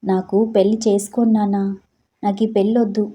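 A woman's voice: mid-range voice, little pitch movement, brisk, dark tone, close to an everyday voice. A woman voicing a tearful young daughter about to be married, speaking in a pleading way.

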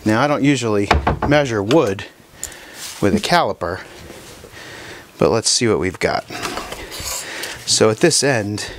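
This man's voice is fairly low, and the recording carries a slight hiss or hum. He teaches hand-tool woodworking in his shop, talking in a relaxed, halting way with lots of fillers and restarts as he shows the work.

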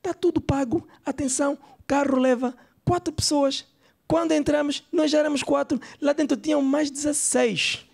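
Man doing a brassy Angolan woman, very high gravelly voice, gossipy, chatty storyteller. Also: steady tone, moderate pace, darkish tone. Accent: Angolan Portuguese. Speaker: stand-up comedian. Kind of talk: stand-up character bit. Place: comedy club stage.

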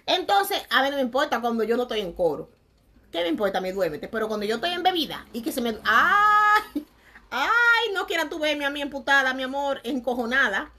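A young woman chatting to her viewers, lively and laughing, with crude slang and sudden swings between loud and soft. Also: high voice, fast talker. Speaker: vlogger. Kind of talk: casual chat to viewers.

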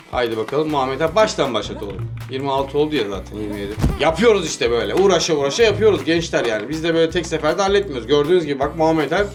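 A man with a fairly high voice runs a gameplay session, firing off eager coaching and rapid cheers. He laughs a lot and keeps the tone playful. Loud game music plays behind him the whole time. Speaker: gaming channel host. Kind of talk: casual gameplay commentary.

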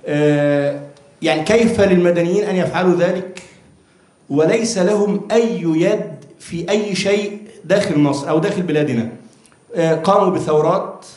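Man from Egypt at the floor mic, formal and pointed, talks very fast, echoey hall. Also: high voice, a little mellow. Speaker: audience questioner. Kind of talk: question from the floor. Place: conference hall. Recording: roomy hall sound.

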